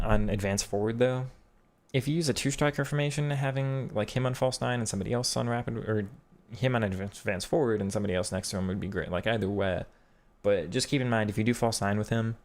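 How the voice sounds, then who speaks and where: A man streams a football video game, casually answering chat and thinking out loud with lots of restarts, in the style of live-stream commentary that reads chat. His voice is mid-range with a darkish tone.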